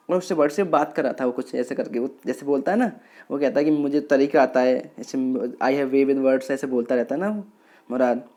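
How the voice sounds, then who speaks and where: A man's voice: mid-range voice, dark tone. A male lecturer retelling a story for students, explaining it with everyday examples and checking whether they follow. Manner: retells characters' lines in plain narration.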